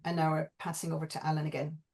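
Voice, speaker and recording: A woman hosting an online meeting, calmly running and announcing a vote. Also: low-pitched, very fast.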